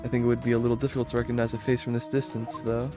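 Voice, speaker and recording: A man's voice: mid-range voice, flat delivery, rapid-fire, over music, natural voice. A man reading the part of an earnest, self-doubting defense lawyer in a video game, often thinking aloud. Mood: pondering, suspicious.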